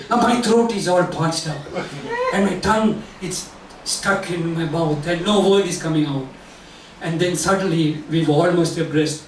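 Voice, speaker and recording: An older man from Sri Lanka telling a self-mocking comic story to an audience, jumping into high squeaks when he acts out his own panic. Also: measured pace, reverberant, recorded from a distance, noisy background. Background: audience laughter and room ambience.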